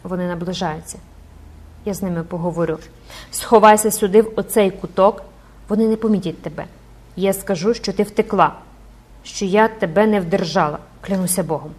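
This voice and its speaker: Woman playing an older mother, frantic, tearful, loud outcries, audiobook. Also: medium pitch, moderate pace, close to an everyday voice. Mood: urgent. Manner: emotional, exclaiming prayers.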